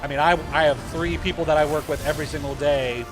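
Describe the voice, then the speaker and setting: Guy streaming a game, kinda high voice, rambly casual chat, music going in the back. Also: fairly even intonation, fast. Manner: chatty, rambling, answers chat directly. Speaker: gaming livestream host.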